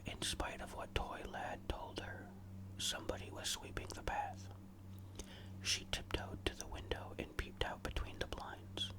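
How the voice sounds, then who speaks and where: A storyteller reads a ghost story as ASMR, never rising above a whisper. The delivery is hushed, deliberate and suspenseful, with no voiced tone at all, as scripted narration for close listening. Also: poor audio. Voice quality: fully unvoiced whisper.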